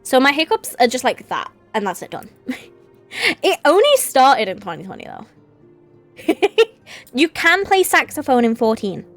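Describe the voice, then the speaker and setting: A woman's voice: sits high, huge pitch swings, moderate pace, long pauses, fairly bright tone, soft background music. A woman live streamer chatting casually to her viewers in a playful, rambling, giggly manner.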